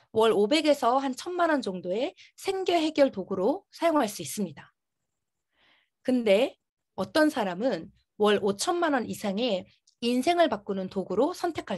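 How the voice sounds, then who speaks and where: A woman's voice: on the high side, big pitch swings, moderate pace. Woman presenting, slightly impeded by a retainer. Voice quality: slightly impeded articulation from wearing a dental retainer. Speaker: network marketing business presenter. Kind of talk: motivational business presentation.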